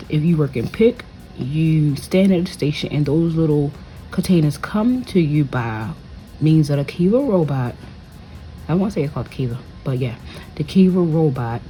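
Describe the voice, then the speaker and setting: A woman's voice: low-pitched, mellow. A woman vlogger telling a rambling story in casual chat while doing nails, with lots of "like" fillers. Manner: rambling, conversational, many "like" fillers. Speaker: nail vlogger.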